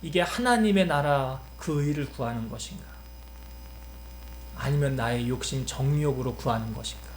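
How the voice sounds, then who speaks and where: A man's voice: medium pitch, normal speed, slight background noise, low-quality recording. A man preaching a sermon as pastor, asking rhetorical questions and acting out quoted voices, then leading a closing prayer.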